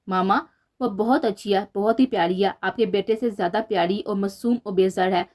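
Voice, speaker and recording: A woman's voice: medium pitch, a little mellow, lightly acted. A woman reading the lines of a young adult son, a police officer, who talks in an apologetic, coaxing way. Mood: pleading.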